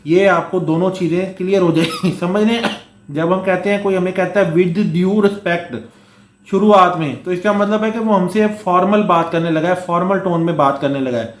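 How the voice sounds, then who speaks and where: A man's voice: sits high, normal speed, echoey room. A man teaching a course, explaining in a conversational lecture with fillers and frequent check-ins, somewhat short of breath and coughing at times. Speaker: course instructor. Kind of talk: Hindustani lecture mixed with read-out English.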